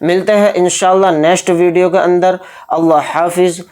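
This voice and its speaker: A man's voice: high-pitched, flat delivery, brisk, a little mellow. A man teaching Quran recitation, patiently explaining each letter and drawing out the sounds as he demonstrates. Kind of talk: slow, methodical recitation lesson.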